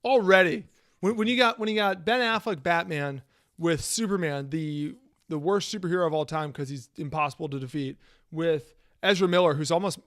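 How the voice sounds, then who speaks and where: A young man co-hosts a casual podcast, tearing into films he disliked with blunt, profane talk. His voice sits a little high and sounds dry and close to the microphone. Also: fairly bright tone, dry recording. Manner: profane, blunt movie ranting. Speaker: podcast co-host. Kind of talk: casual chat.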